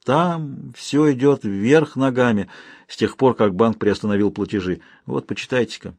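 A self-assured young gentleman, read by a male audiobook narrator, speaks calmly and persuasively. The voice is husky with a dry, close recording sound. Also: medium pitch, normal speed, no room sound, close to an everyday voice. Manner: calm, matter-of-fact and persuasive. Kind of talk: audiobook character voice.

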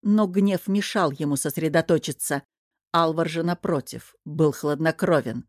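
A woman narrating a fantasy audiobook in a steady storytelling manner. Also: low voice, measured pace, no echo, clean studio sound. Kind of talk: scripted narration.

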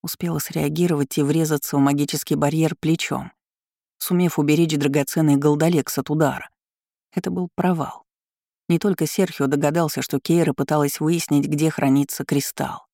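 Mellow, measured audiobook reader. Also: mid-range voice, fairly even intonation, vocal fry, dry recording, studio quality. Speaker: audiobook narrator. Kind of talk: scripted fantasy narration.

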